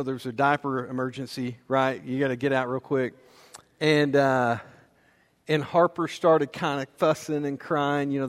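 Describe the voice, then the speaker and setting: A man's voice: on the high side, a bit bright. Conversational preacher man in a reverberant hall. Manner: conversational, with fillers and repeated restarts. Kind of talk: sermon. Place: church auditorium.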